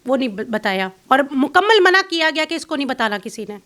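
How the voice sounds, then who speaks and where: Bitter, accusing high-voiced woman. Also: sing-song, pushed and bright. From Pakistan. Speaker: interview guest. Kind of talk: emotional complaint in an interview.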